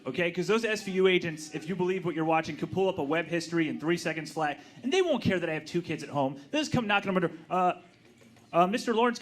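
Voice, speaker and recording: A man in his thirties does stand-up in a small cafe. His voice sits high for a man and swings widely in pitch. He is animated and punchy, sometimes jumping into a shrill little-girl squeal. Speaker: stand-up comedian. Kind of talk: stand-up comedy set. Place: small cafe comedy stage with audience.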